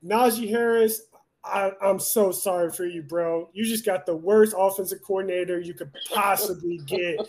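A young man with a high-pitched voice co-hosts a casual sports podcast. He rants in a heated, profane way, swearing freely as he vents. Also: fairly even intonation, normal speed, a little mellow. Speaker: podcast co-host.

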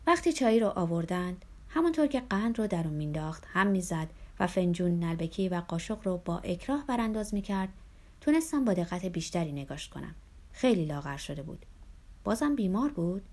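Woman reading a novel out loud, steady, kinda low pitched. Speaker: audiobook narrator. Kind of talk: novel narration.

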